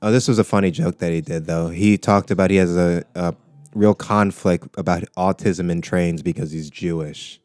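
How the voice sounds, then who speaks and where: A man's voice: deep voice, steady tone, moderate pace, darkish tone, no echo. A young man co-hosting a podcast, rambling casually with profanity and frequent restarts. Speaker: podcast co-host recounting comedy sets. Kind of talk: casual chat.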